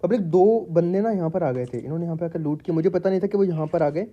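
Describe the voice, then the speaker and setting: Here a male YouTuber chats through a gameplay session in a playful, casual way, addressing his audience head-on from a home room shared with his pet parrots. His pitch is fairly high and he talks quickly, but the recording has its highs cut off.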